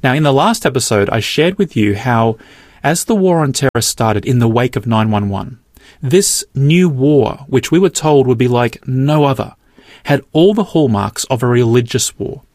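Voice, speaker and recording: A man's voice: mid-range voice, expressive, normal speed, a little mellow, no echo, studio quality. Earnest man narrating a podcast. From Australia. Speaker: podcast host. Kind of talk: scripted narration.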